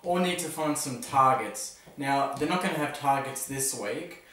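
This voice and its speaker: A man's voice: mid-range voice, normal speed, a bit bright, far from the mic. An Australian man previewing the football round in a casual, opinionated way, cracking jokes at his own expense. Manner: opinionated, self-mocking jokes. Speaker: footy tipster vlogger. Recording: echoey room, voice from the mic.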